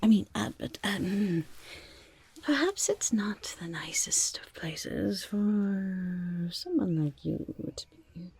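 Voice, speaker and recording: A shifty little goblin vendor, acted out by a woman in an ASMR roleplay. The voice is a very breathy, raspy whisper with a gravelly crackle. The patter is slow, boastful and easily flustered, full of stammered sales talk. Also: medium pitch, expressive, a little mellow, heavily acted. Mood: flustered, nervous. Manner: speaks of self in third person, stammering sales patter.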